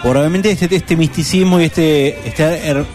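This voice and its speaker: On a radio show, a male co-host with a fairly high, darkish voice talks at normal speed and at length about films, frequently restarting his sentences. The chat is casual, with faint music behind him.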